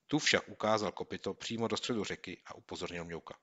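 Bright-voiced male audiobook narrator. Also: sits low, highs cut off. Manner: steady, clear storytelling. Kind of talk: scripted narration.

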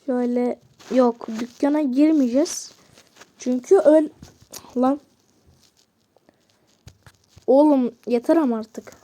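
A woman's voice: sits high, slow, pauses often, mellow. A woman giving casual commentary while playing a game, chatting and muttering to herself with frustrated outbursts. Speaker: gamer.

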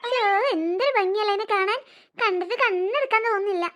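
A vain elder sister from a cartoon story, played by a woman, self-admiring and quick to whine. Her voice is very high and bright. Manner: dreamy, self-admiring, then whiny.

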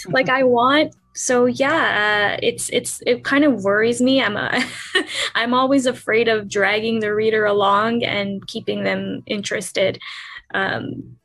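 A young adult woman from Canada, a guest on a podcast interview who talks in a friendly way, laughs often and pauses to think. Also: on the high side, fairly bright tone. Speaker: author guest.

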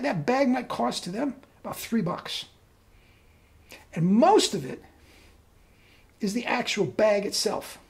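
Brief: woman weight-loss coach, mocking rant, animated high voice. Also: vocal fry. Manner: scornful, mocking, laughs at own rant. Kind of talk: ranting video monologue.

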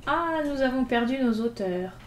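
A woman's voice: sits high, animated, moderate pace, slight background noise. A woman voicing a cheeky, ragged street boy from old Paris, mock-grand and teasing. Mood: cocky. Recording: echoey room.

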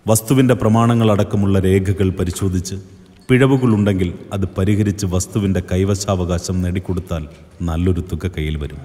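A man narrating a horror audio story in an intense, theatrical way that rises to shouts. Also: low-pitched, fairly even intonation, moderate pace. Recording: reverberant with music behind.

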